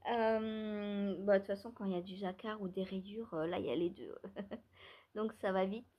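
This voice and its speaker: A woman's voice: medium pitch, fairly even intonation, normal speed, dull audio. A woman talks through her knitting in a casual vlog, wandering from thought to thought. She hesitates often, restarts her sentences and drops in small laughs. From France. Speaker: knitting vlogger. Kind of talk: casual chat.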